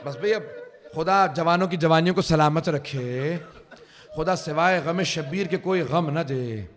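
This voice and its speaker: A man with a high-pitched voice delivers a mourning sermon in a hall. He tells the story slowly and with grief, and his voice swells at times into anguished cries. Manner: slow grieving storytelling, rising to cries. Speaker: preacher. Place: religious centre hall.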